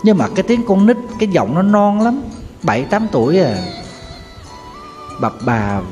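A Buddhist monk with a Southern Vietnamese accent, giving a sorrowful storytelling sermon and now and then chanting folk verses. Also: male voice, high-pitched, sing-song, normal speed, a little mellow, lo-fi sound. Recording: long hall reverb with faint music.

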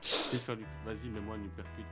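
A man's voice: on the low side, flat delivery, fairly quick, pushed and bright, faint music behind. A man playing an easygoing biker boxing partner in an improvised game role-play. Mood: reassuring.

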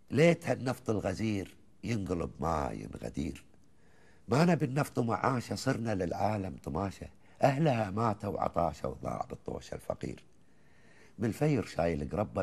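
A man with a Kuwaiti accent, a guest on a TV talk show, reciting colloquial poems in a lively, rhythmic way between bits of chat. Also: fairly low pitch, gravelly, husky. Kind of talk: reciting colloquial poetry in conversation.

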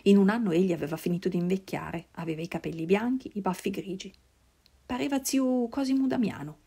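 Gravelly, husky woman reading a novel. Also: medium pitch, fairly quick, dark tone. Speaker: reader. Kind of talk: literary reading aloud.

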